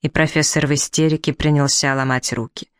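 Measured male audiobook narrator. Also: a little high, level tone, clear, resonant tone, no room sound, clean studio sound. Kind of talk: scripted literary narration.

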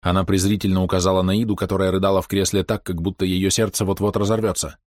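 Low-voiced man narrating an audiobook. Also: flat delivery, fast talker, a little mellow, no echo, studio quality. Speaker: audiobook reader. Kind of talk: scripted narration.

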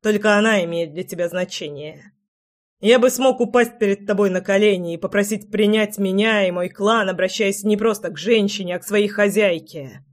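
A woman's voice: mid-range voice, moderate pace, close to an everyday voice. Damien, a woman voicing a furious male clan leader. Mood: bitter. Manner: shouting, bitter.

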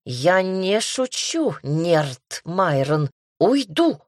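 A woman's voice: mid-range voice, big pitch swings, slow, no room sound, clean studio sound. A woman voicing a plump, mischievous ginger male magic cat in an audiobook, drawing out her words. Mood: theatrical.

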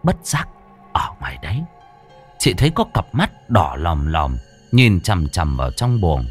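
A man narrating a ghost story in an expressive, animated storytelling manner. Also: measured pace, soft background music. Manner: lively, expressive storytelling with big pitch swings.

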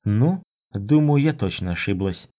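A man's voice: on the low side, lively intonation, a little slow, mellow. A man voicing a wary young female dancer who speaks in a guarded, terse way, in an audiobook.

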